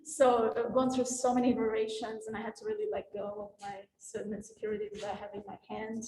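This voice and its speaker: A woman whose first language is Russian gives a gallery artist talk about her installation, speaking hesitantly and reflectively with frequent small laughs. Her medium-pitched, mellow voice is fast and flat, captured in an echoey gallery exhibition space with faint room noise.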